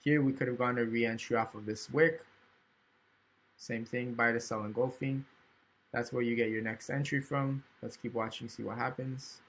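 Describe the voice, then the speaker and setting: A trading educator, hiccuping, gives a casual screen-recorded walkthrough of trading charts, thinking aloud and often asking "right?". He speaks at a normal speed in a steady, medium-pitched male voice.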